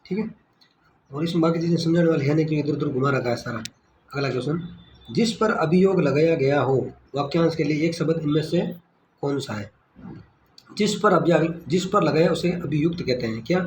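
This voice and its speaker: A man's voice: fairly high pitch, brisk. A man teaching a Hindi exam prep lesson. He asks a question, answers it himself, and repeats the key word again and again. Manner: repetitive quiz-style questioning, frequent "ठीक है". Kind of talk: screen-recorded exam lesson. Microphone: screen-recorder phone mic. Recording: echoey room with faint background hiss.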